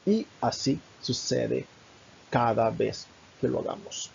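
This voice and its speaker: Gravelly Venezuelan man teaching English. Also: mid-range voice, lively intonation, lo-fi sound, slight background noise. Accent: Venezuelan Spanish. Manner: slow, careful modeling of English phrases. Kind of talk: recorded online lesson.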